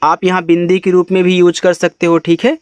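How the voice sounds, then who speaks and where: A young man with a fairly high voice teaches beginners to read English. He spells each word letter by letter, then patiently explains its sounds step by step. The recording is dry and close. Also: monotone, brisk, smooth, dry recording. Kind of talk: spoken lesson on reading English words.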